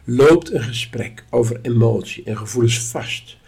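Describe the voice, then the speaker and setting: A man giving a calm, instructive spoken lesson at a measured pace. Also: mid-range voice, creaky, slightly rough. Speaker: course teacher.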